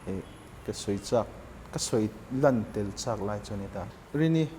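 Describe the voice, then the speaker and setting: A man's voice: lowish voice, animated, a little fast, dark tone, roomy sound, a little hiss or hum. A man explaining his business plans in casual talk, mixing in English business terms. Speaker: entrepreneur guest. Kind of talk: casual conversation. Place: cafe.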